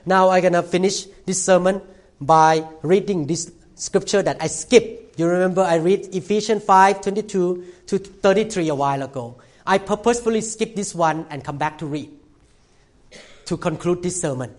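A man's voice: sits high, moderate pace. A middle-aged male pastor who is a non-native English speaker with simplified grammar, preaching a sermon with emphatic, repeated short phrases. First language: not English. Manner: emphatic short exhortations, repeats phrases, asks congregation for amens.

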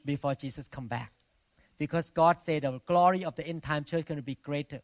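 A man with a fairly high voice preaches as a pastor, urging his listeners in short, deliberate phrases. His English. The sound is fairly dry, with little room around it. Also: dry recording. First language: not English. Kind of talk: sermon.

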